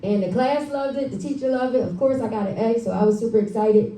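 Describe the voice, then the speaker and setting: A children's author who also teaches school gives an encouraging live talk directly to children and families in a library event room. Her voice is a little high, fast, and mellow. The distant mic makes the live recording sound roomy and echoey.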